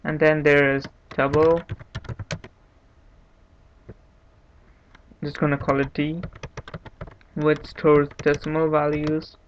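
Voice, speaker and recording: Man, coding tutorial host, very flat delivery, slow pace, muffled recording, typing clicks behind. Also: on the high side. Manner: monotone, unhurried, thinking aloud with restarts. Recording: dull lo-fi mic with faint hiss. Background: keyboard typing and clicks.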